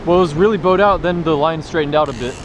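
A young man filming a fishing vlog on a beach, talking to viewers in a joking, excitable way. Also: on the high side, quick pace. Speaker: fishing vlogger. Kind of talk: casual excited vlog commentary. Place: beach by the surf, outdoors. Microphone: action camera. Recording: wind and surf noise.

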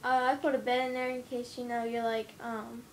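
A woman with a slightly high, flat voice chats her way through a game walkthrough, hesitant and full of fillers. She talks from a room at home into a handheld camera pointed at the TV. A faint hiss sits under her voice. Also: a little fast. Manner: rambling, hesitant, many fillers. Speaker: gamer giving a tour of a game build. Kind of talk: casual gameplay walkthrough. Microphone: handheld camera filming the TV screen.

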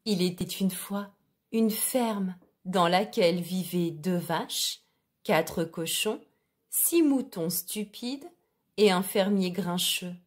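A woman reading a children's storybook aloud in a clear, expressive way. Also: on the low side, takes it slowly.

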